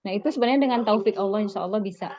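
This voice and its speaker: A woman religious teacher with a warm, mid-range voice talks very fast in a conversational online lesson, tagging her phrases with "gitu ya." She's heard over a video call, and the audio is slightly muffled.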